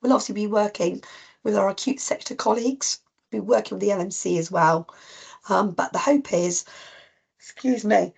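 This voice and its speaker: A woman with a cold, husky and coughing, giving an informal online talk to practice teams with many ums and restarts. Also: medium pitch, normal speed, darkish tone. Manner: rambling with frequent ums and restarts. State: coughing, voice strained. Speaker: clinical lead presenting to practice teams. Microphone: video call.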